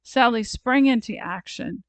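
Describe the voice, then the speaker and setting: A woman with a fairly high voice reads a children's story aloud, expressive and deliberate, speaking very slowly and taking her time. The recording is close and dry, with no room sound.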